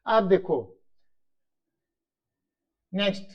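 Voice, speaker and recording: Slow, high-voiced teacher, dull recording. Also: male voice, fairly even intonation. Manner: slow, repetitive explaining, asks and answers his own questions; mixes Hindi and English. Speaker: English grammar teacher. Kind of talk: classroom-style grammar lesson.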